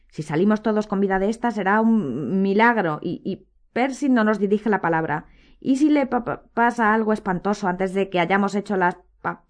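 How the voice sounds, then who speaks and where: A woman's voice: mid-range voice, natural voice. A woman voicing a distraught middle-aged mother witch, crying and stammering through sobs in an audiobook. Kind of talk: audiobook character voice.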